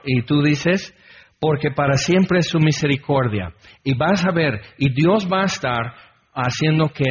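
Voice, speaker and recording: A man's voice: a little high, husky. A man preaching a sermon as pastor in an earnest way, leading his congregation in a responsive psalm reading. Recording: dull lo-fi recording.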